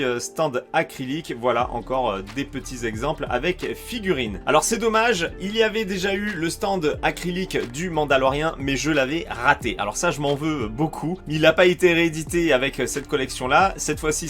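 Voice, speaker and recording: With a voice a little high and fairly bright, a French YouTuber covering collectibles walks viewers through a shopping website. It's a casual screen-share, chatty and enthusiastic, packed with fillers.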